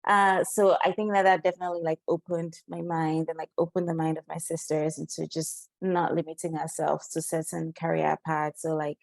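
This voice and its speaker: A young woman from Cameroon, a guest on a podcast, speaking in a thoughtful, measured way. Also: deep voice, little pitch movement, creaky, dry recording. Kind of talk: conversational interview.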